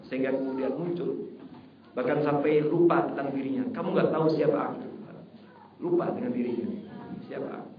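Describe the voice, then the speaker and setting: Animated Indonesian preacher, distant and roomy. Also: male voice. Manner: animated storytelling, shouts quoted pleas at high pitch. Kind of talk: sermon. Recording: roomy, distant, dull lo-fi hall recording.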